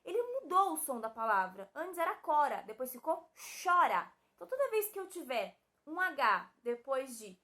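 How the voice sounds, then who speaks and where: Bright high-voiced Brazilian woman teaching. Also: very animated, moderate pace, hardly any pauses. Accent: Brazilian Portuguese. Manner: explains step by step, keeps checking in with "certo?" and "tá?". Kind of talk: recorded video class.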